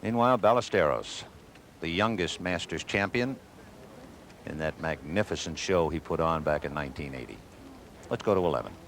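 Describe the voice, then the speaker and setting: A man's voice: rumbling low, expressive, moderate pace, a bit bright. A man giving live golf commentary with wry, wisecracking asides. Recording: noisy outdoor broadcast with crowd, 1980s. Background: outdoor gallery crowd and ambience.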